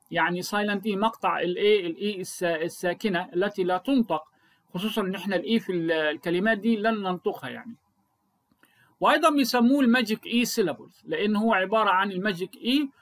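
A man's voice: high-pitched, fairly quick. A middle-aged man with an Egyptian Arabic accent, explaining a phonics lesson to teachers and answering his own rhetorical questions. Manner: asks rhetorical questions and answers them himself. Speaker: English teacher.

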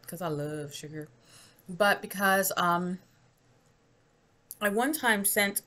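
A woman's voice: medium pitch, fairly bright tone. A talkative American woman tries a sweet on camera and chats about it in a loose, rambling way. She laughs easily and keeps up friendly small talk with her viewers. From United States. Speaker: vlogger. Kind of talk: casual taste-test vlog.

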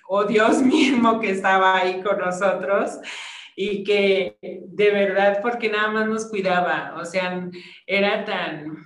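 A woman with a Mexican accent giving a personal faith testimony. She tells it as a story and jumps into quoted voices. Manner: storytelling, acts out quoted voices with sudden high bursts. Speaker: testimony giver. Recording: roomy echo.

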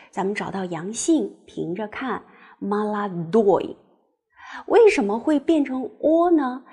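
A woman's voice: fairly high pitch, warm tone, husky. A woman teacher explaining grammar patiently in an online lesson, leading the class through drills when speaking other languages. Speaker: Russian teacher.

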